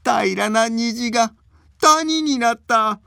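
A man voicing a frail, bedridden old man in a folk tale, speaking slowly in a high, quavering voice. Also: lively intonation, vocal fry, no echo, studio quality, full character voice. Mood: laughing. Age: older.

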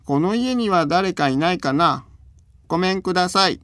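A man's voice: high-pitched, lively intonation, moderate pace, a bit bright, dry recording, pitched above the performer's own voice. A man voicing a kindly shape-shifting trickster. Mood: grumbling. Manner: grumbling to himself, then cheerful. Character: mischievous shape-shifting creature, male, kindhearted. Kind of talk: storybook reading.

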